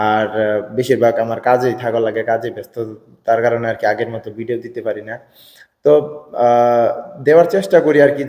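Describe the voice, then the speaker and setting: A man's voice: medium pitch, a little mellow, big-room sound. A man talking casually and hesitantly to his viewers in a vlog, with many fillers and repeats. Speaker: vlogger.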